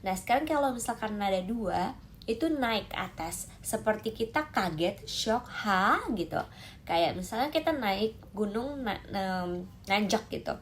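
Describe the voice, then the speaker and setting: A woman's voice: mid-range voice, a little hiss or hum. Woman teaching Mandarin tones. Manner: lively, drawn-out demonstration syllables. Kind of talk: explaining lesson to camera.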